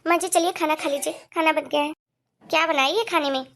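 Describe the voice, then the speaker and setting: Cartoon role: young wife, mother of two, voiced by a woman; high, slightly gravelly, earnest pleading delivery. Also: steady tone, fairly quick, a bit bright. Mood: calm.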